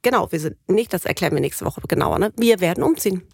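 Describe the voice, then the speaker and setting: A woman's voice: on the low side, fast talker, gravelly, breathy edge, dry recording, studio quality. Chatty woman telling family stories. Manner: chatty, animated storyteller. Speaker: podcast co-host. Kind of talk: casual chat between spouses. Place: radio studio.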